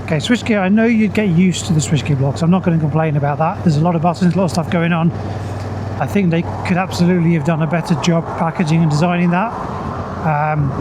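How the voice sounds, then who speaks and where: A man giving casual, understated motovlog commentary as he rides a motorcycle, musing aloud into a helmet microphone. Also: on the high side. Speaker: motorcycle reviewer. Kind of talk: casual spoken motovlog commentary while riding. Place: outdoors, riding a motorcycle on the road. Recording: noisy outdoor ride, engine and road noise.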